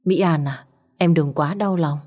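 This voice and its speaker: A woman's voice: sits low, a little slow, warm tone. A woman voicing a scared young husband who keeps soothing and reassuring his wife. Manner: soothing, urgent.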